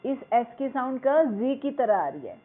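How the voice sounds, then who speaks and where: A woman teacher explains a school English lesson. She reads the English lines slowly and word by word, then explains them in Hindi. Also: high voice, sing-song. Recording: tinny phone-like sound.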